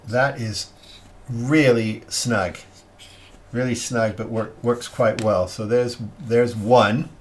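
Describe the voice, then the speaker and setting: A man of middle pitch walks through a hobby model build at an unhurried, slow pace. He talks half to himself, trailing off and restarting as his hands stay busy. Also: slight background noise. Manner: unhurried, halting, thinking aloud with many fillers.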